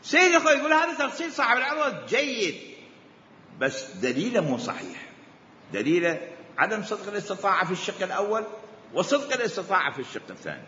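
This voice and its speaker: A man's voice: sits high, sing-song, quick pace, bright, forceful tone. A man with an Iraqi Arabic accent teaching religious law, firing off repeated rhetorical questions. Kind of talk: jurisprudence lecture. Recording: echoey hall, dull lo-fi sound, faint hiss.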